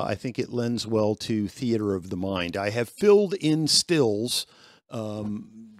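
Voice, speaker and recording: Hesitant low-voiced man, dry sound. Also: no room sound. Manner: hesitant, many fillers. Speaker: video uploader. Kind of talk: recorded video intro.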